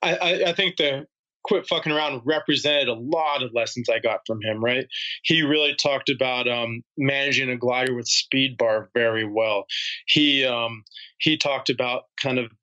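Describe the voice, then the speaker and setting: A man's voice: mid-range voice, moderate pace, sharp tone, highs cut off. A man guest on a podcast, telling stories casually, laughing easily and swearing now and then. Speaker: podcast guest, paragliding instructor.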